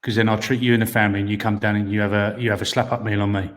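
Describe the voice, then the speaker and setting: A man, a head chef, chatting on a live call and thanking the guests warmly. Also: on the low side, little pitch movement, rapid-fire. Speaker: head chef hosting a cookalong.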